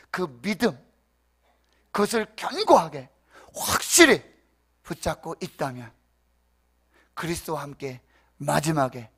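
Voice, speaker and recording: A male pastor preaching a sermon in a church, impassioned, swinging from quiet murmurs to loud declarations. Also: a little high.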